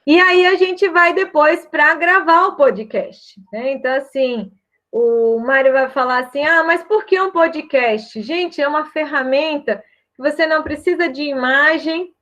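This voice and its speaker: A woman's voice: high-pitched, a little slow, a bit bright. A woman lecturer with a Brazilian Portuguese accent, explaining course assignments in a chatty way and checking in with "tá?" and "né?". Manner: chatty, repeats "tá?" and "né?" often. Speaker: university lecturer. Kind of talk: recorded course guidance.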